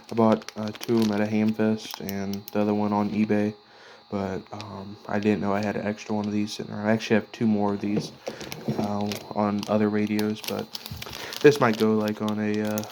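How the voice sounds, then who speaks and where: A radio hobbyist with a low, flat voice casually shows off his gear in an unscripted show-and-tell. He speaks haltingly, in pieces, while handling the items, and the recording has a clearly noisy background with clicks.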